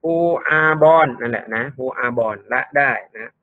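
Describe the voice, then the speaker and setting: A man's voice: medium pitch, takes it slowly, no room sound. A man tutoring an English grammar lesson, explaining step by step and often repeating his words. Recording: thin phone-like dry sound.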